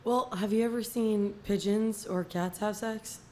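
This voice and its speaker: A woman's voice: mid-range voice, fairly even intonation, unhurried, warm tone, slight background noise. Slangy, crude woman chatting casually. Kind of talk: casual chat.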